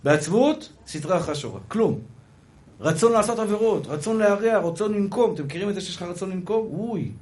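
High-voiced rabbi giving a fervent sermon. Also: male voice, animated. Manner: swings from soft murmurs to loud emphatic repetition; acts out dialogue in storytelling. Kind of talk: Breslov Torah sermon.

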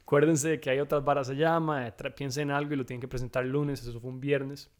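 A Costa Rican man in his thirties, telling stories as a guest in a relaxed chat, saying "mae" often. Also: mid-range voice, fast. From Costa Rica. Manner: relaxed, says "mae" constantly, storytelling. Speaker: guest, tequila brand founder. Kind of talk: casual podcast chat.

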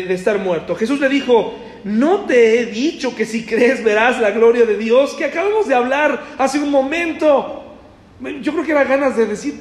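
A man preaching a sermon, impassioned, acting out the dialogue of scripture. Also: extremely high pitch. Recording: echoey hall.

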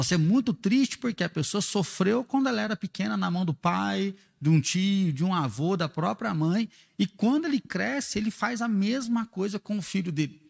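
High, gravelly-voiced man teaching casually. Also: in a large hall. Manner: earnest, explains with rhetorical questions and quoted examples. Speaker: father and church speaker on parenting. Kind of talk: conversational teaching talk.

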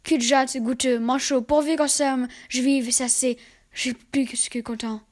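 A woman reciting verse fables in a measured, expressive way. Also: sits high. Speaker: reader.

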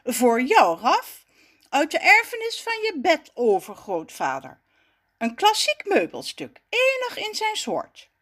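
A woman's voice: high-pitched, huge pitch swings, a little slow, a bit bright, pitched above the performer's own voice, exaggerated voice. A woman voicing a self-important, easily offended male cousin in a children's story, speaking in a haughty, huffy way. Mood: pompous.

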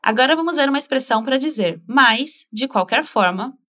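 A woman teaching a spoken language lesson, patiently modeling phrases slowly for the listener to repeat. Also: high-pitched, animated, sharp tone.

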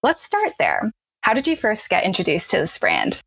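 On a workplace podcast, a woman host reads an upbeat scripted introduction, then interviews a guest with enthusiasm. Her medium-pitched voice is a bit bright, with huge pitch swings, vocal fry and normal speed, captured dry at home on a budget lapel mic.

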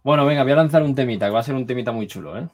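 A man hosts a casual podcast with a mid-range voice. He is lively, reels off examples and keeps prompting his guests. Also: mid-range voice, very fast. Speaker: podcast host.

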